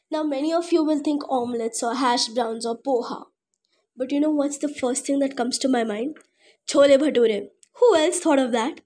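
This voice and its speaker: A high, girlish-pitched woman's voice with a North Indian accent. She hosts a chatty radio monologue, slipping between English and Hindi and putting questions to her listeners. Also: warm tone. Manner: conversational, addresses listeners with questions. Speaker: radio host.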